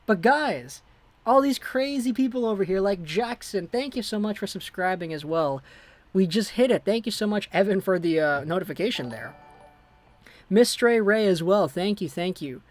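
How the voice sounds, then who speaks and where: Reading chat messages out loud and thanking subscribers, a young livestream host keeps things casual and loose on his hockey stream. He speaks at a normal speed in a high, animated voice, with no room sound audible.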